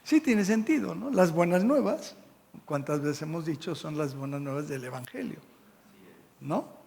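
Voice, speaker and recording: Man, Mexican Spanish accent, pastor's sermon, slightly high gravelly voice, long church reverb. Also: animated, measured pace, a little mellow. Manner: conversational, checks in with the congregation. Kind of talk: sermon with scripture reading. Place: church sanctuary.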